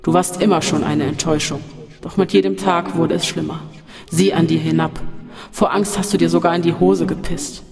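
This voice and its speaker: Narrator voicing a cruel taunting voice from the dark. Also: medium pitch, fairly even intonation, moderate pace, creaky, lightly acted. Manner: mocking, then coaxing and seductive. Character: sinister male voice from a dark shaft, cruel, taunting. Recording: long reverb with faint music.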